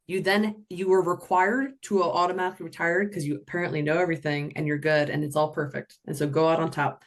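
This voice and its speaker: A low-voiced woman who instructs roller derby officiating teaches a webinar with energetic, animated delivery. She slips into playful character voices to act out the players, and sounds like she's on a computer mic during a video call.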